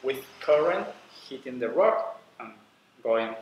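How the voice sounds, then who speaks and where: A man's voice: mid-range voice, animated, slow pace, highs cut off, a little hiss or hum. Man explaining in non-native English, echoey room. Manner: explains plainly in non-native English, brief agreeing interjections. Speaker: scuba diving course director. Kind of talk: casual reaction commentary. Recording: very echoey room, faint ambience.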